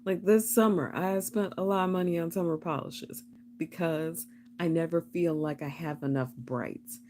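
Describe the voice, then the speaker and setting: A woman's voice: lowish voice, normal speed, darkish tone, slight background noise. A young woman hosting a casual live stream, chatting and rambling with frequent laughs.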